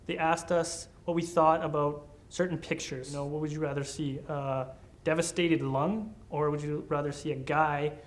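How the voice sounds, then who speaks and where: Earnest, higher-voiced young man. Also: steady tone, normal speed. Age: 20s. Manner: earnest, conversational. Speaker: interviewee. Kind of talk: candid interview answers.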